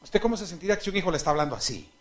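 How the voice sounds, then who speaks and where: A man's voice: high-pitched, racing. A male pastor preaching a sermon, telling anecdotes with laughter and asking the congregation direct questions. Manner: animated storytelling, laughing at his own anecdotes.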